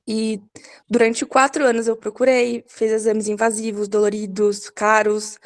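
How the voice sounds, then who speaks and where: Brazilian woman, 30s, testimony, earnest and hesitant, flat delivery. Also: a little high, measured pace. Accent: Brazilian Portuguese. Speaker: participant. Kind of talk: personal testimony.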